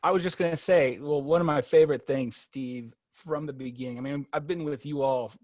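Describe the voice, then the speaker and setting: A man co-hosting a podcast, praising the guests in a halting way full of fillers. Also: a little high, fairly even intonation, darkish tone, no room sound. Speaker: podcast co-host. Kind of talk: interview question.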